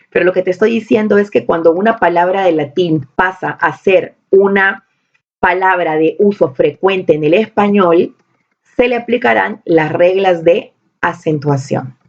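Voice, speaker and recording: A woman's voice: on the low side, dull audio. A woman teaching a recorded spelling lesson, stressing points by repeating key words.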